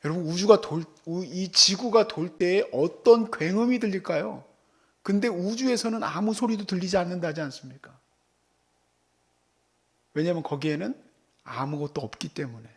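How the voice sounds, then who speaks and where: A man with a high voice preaches to a congregation. He swings between hushed, breathy near-whispers and loud, ringing exclamations, and he acts out the voices of the people in the passage as he goes. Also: normal speed. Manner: acts out God's and friends' voices in the sermon. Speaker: pastor. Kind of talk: sermon. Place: church service.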